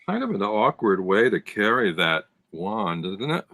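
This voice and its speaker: A man with a low voice chats slowly and enthusiastically on a live stream. He lingers over details. The sound is dry and close. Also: very animated, bright, forceful tone, no room sound. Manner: chatty, enthusiastic, describes details. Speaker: tarot deck reviewer, co-host. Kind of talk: casual live-stream chat.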